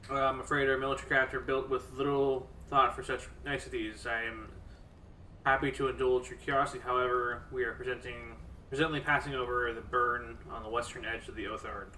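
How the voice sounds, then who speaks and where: Fantasy game military officer, played by a man: grave, stiffly formal, forceful, recorded roomy and off-mic. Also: mid-range voice, level tone, fairly quick, a little hiss or hum, natural voice. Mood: formal, measured. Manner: stiff, formal, old-fashioned diction. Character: formal, grave male imperial military officer reporting under fire. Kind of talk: reading fantasy game dialogue aloud in character. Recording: roomy, distant mic over game music.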